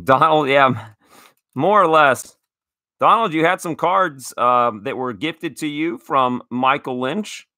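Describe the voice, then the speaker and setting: Bright-voiced enthusiastic man, dry close sound. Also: medium pitch, slow pace, dry recording. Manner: enthusiastic, grateful, stammering restarts. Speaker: card collecting show host. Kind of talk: casual card-opening chat.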